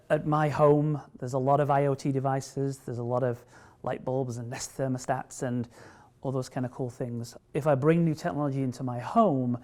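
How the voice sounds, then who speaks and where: A man, speaking enthusiastically but haltingly with fillers in an award testimonial. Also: medium pitch, mellow. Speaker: tech employee.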